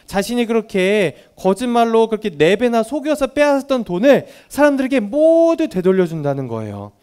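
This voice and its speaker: A man's voice: high voice, big pitch swings, moderate pace, a little mellow, clean tone. A man teaching a Sunday school lesson, telling a Bible story to young children and often asking them questions.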